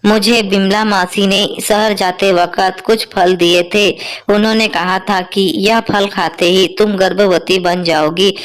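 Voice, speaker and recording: A woman voicing a dutiful, excitable young daughter-in-law in a cartoon story, chatty and exclaiming. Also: mid-range voice, slow, natural voice.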